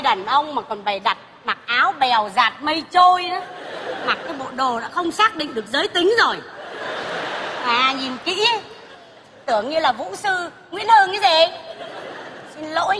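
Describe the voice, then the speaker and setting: A woman's voice: high voice, noisy background. A woman acting in a stage comedy sketch, scolding, mocking and dramatic. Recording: long reverb with music behind.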